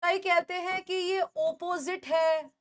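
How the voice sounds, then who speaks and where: High-voiced Indian woman teaching English. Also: flat delivery. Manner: drills words by repeating them slowly, asks the class questions. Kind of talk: spoken English pronunciation lesson.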